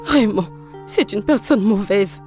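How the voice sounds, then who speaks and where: A woman voicing an aging mother in a French film dub, talking low, heavy and slow. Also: expressive, darkish tone, soft background music, natural voice. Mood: bitter. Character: aging mother, weary and bitter, haunted by the past.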